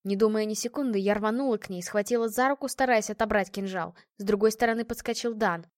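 A woman's voice: medium pitch, fast talker, no room sound. Woman narrating an audiobook, dry and close. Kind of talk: first-person scripted narration.

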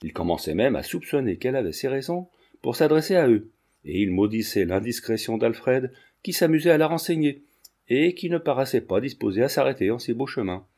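Audiobook narrator: man, measured delivery, dark and mellow timbre. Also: medium pitch, big pitch swings. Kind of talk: scripted narration.

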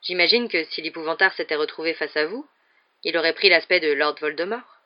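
A reader voicing a kind, gentle male wizard teacher with a soft, measured, courteous manner in an audiobook. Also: medium pitch, dull audio, natural voice.

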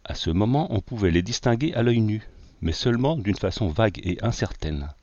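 A male audiobook narrator reading with steady, measured pacing. His voice is low and close to the mic. The dry sound is dulled, as on a lo-fi recording. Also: no echo. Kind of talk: scripted narration of an adventure novel. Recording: dull lo-fi, dry.

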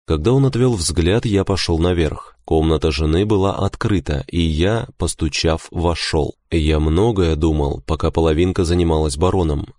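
A man narrating a first-person story in a measured, steady audiobook reading. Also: sits low, no room sound, clean studio sound.

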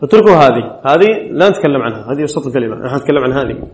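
In a classroom at an Islamic studies center, a man teaches a lesson on Arabic spelling rules. His mid-range voice is expressive and very fast as he reads a rule text aloud, explains it, and quizzes his students with frequent short questions.

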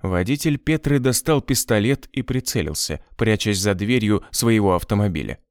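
A man narrating an audiobook in an expressive, scripted manner. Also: lowish voice, normal speed, clean tone, no echo, clean studio sound.

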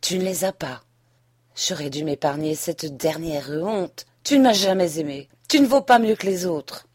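A woman reading an audiobook and voicing a passionate young wife who pleads and then reproaches, a little higher and louder than her narration. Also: steady tone, unhurried, no room sound, studio quality, close to an everyday voice. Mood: bitter. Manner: impassioned, rising to reproach. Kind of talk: audiobook reading of a classic novel.

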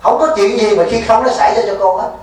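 A Buddhist monk with a fast, high-sitting voice gives a folksy dharma talk at a retreat, teasing and quizzing his listeners. The mic is far off in an echoey hall, with faint noise.

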